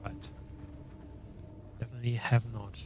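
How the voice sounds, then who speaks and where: Male streamer for casual gameplay commentary, medium pitch, slightly muffled lo-fi sound. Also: level tone, unhurried, a little mellow, a little hiss or hum. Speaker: game streamer. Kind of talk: casual live gameplay commentary, reading dialogue choices aloud.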